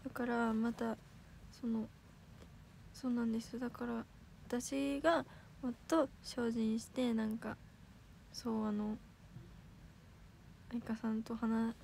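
A woman's voice: on the high side, vocal fry, darkish tone, slight background noise. Chatty teenage girl with a Kansai accent. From Osaka, Japan. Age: teens. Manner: chatty, giggly, quick self-corrections. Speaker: idol livestream host. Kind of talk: casual livestream chat reading comments.

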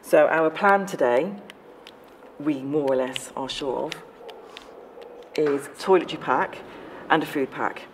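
A woman's voice: low voice, slow, pauses often, a little hiss or hum, rough recording. A woman with a direct, encouraging manner, coordinating volunteers and speaking in a large warehouse. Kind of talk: briefing volunteers and interview.

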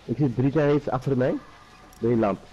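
A man gaming with friends, excitable and swearing loudly. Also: mid-range voice, normal speed, muffled recording, slight background noise. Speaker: gamer. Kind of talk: casual team chat while gaming.

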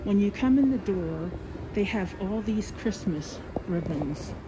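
A woman's voice: mid-range voice, expressive, measured pace. A woman giving a casual, chatty vlog tour of a store, her voice muffled by a face mask as she walks around filming. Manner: chatty, apologetic, speaking while walking around filming. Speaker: shopper hosting a store tour video. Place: inside a large store. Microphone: handheld phone camera. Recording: noisy store ambience, phone recording.

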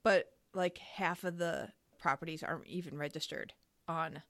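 A woman hosting a podcast, talking in a brisk, chatty way and laughing easily. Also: sits low, a bit bright, no room sound. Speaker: podcast host. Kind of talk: casual podcast chat.

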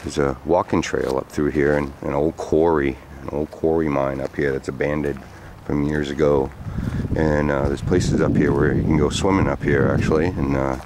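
Very deep-voiced man rambling outdoors. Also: little pitch movement, moderate pace. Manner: rambling, loose with many fillers. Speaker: vlogger. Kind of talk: walking storytelling vlog. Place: outdoors on sandy trails by woods. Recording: faint outdoor noise.

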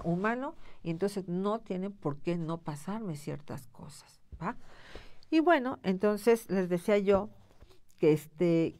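A woman gives a live lecture on handling emotions. She talks in a loose, conversational way, pausing on filler words and often checking that her listeners follow. Her voice is on the low side, and the sound is dry and close. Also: dark tone, dry recording. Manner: conversational, frequent "este" fillers and "¿sí?" check-ins. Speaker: thanatology instructor.

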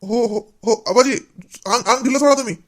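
A young man scolds and fusses loudly in a village comedy sketch. His voice sits high for a man, and he leans hard into every line. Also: brisk. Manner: loud, scolding and fussing.

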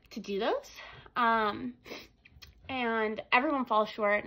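A woman's voice: medium pitch, creaky, fairly bright tone, poor audio. A young woman giving a casual devotional talk straight to a phone camera in a small room, earnest and conversational with frequent ums. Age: young adult. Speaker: student devotional speaker. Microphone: phone camera at arm's length.

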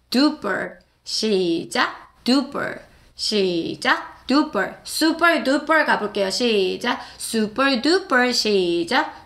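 Bright, lively woman teaching English. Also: sits high. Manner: drills words slowly, then chats fast and playful. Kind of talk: live-stream English lesson.

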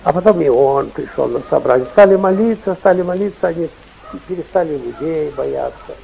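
A man's voice: a little high, lively intonation, brisk, gravelly, dull audio, a little hiss or hum. An older man, a bishop, preaching in a rambling, repetitive folksy way, heard on an old dictaphone tape recording. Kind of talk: sermon.

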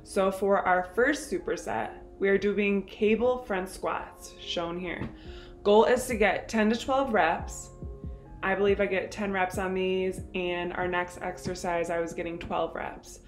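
A bubbly young woman in her twenties talks through her gym plan like a friend, recorded on a phone held at arm's length. Her pitch sits mid-range and her delivery is chatty and upbeat. Soft music plays faintly underneath. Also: fairly even intonation, a little slow, roomy sound. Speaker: fitness vlogger. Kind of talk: upbeat workout vlog and exercise instruction. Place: home, then car, then voice-over on gym clips. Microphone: phone camera at arm's length.

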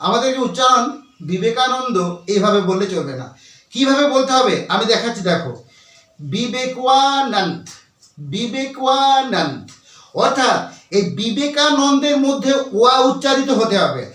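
A man's voice: very high voice, a bit bright. A male teacher giving a grammar lesson to students, explaining step by step, repeating key points and asking and answering his own questions. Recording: very echoey room, voice far from the mic.

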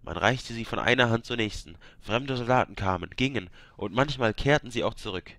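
A man's voice: mid-range voice, fairly quick, a bit bright, no room sound. A man reading a fantasy game book aloud, breaking off now and then to joke with listeners. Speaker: reader of game books. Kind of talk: reading aloud with joking asides.

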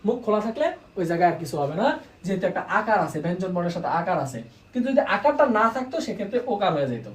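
A woman's voice: mid-range voice, big pitch swings, very fast, reverberant, far from the mic. A woman teaching an online class, repeating key words and asking students questions.

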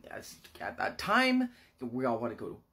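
Podcast host retelling a horror book, casual and animated, lots of dramatic pauses. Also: mid-range voice.

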